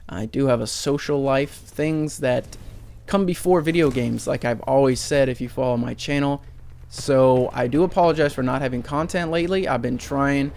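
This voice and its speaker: A man's voice: medium pitch, creaky, darkish tone. A man giving casual, rambling, self-mocking commentary over his own gameplay footage. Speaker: gaming commentator.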